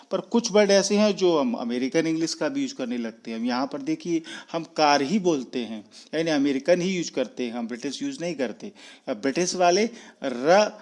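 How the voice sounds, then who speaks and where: Slightly high-voiced man teaching slowly. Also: darkish tone. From India. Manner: slow, deliberate, spelling words out letter by letter and repeating example words. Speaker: English teacher. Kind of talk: explaining lesson.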